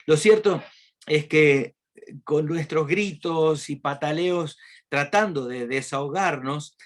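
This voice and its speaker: A man preaching a devotional sermon in a reflective, halting way, with many hesitations. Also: on the high side.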